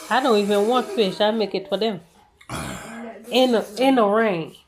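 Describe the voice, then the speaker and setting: A woman's voice: mid-range voice, moderate pace. A woman hosting a casual food video, chatting playfully to viewers and often repeating herself. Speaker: mukbang host and cook.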